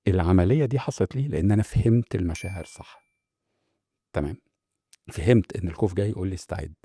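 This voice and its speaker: A man's voice: low-pitched, quick pace, dark tone, breathy edge, no room sound, studio quality. A man with an Egyptian accent giving a motivational talk as a podcast host, explaining through rhetorical questions and checking in with his listeners. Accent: Egyptian Arabic.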